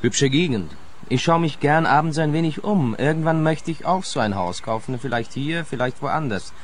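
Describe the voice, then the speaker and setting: A man's voice: a little high, animated, moderate pace, a little hiss or hum, close to an everyday voice. An actor playing a chatty, slightly odd young man in a radio crime comedy. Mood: chatty, evasive. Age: young adult.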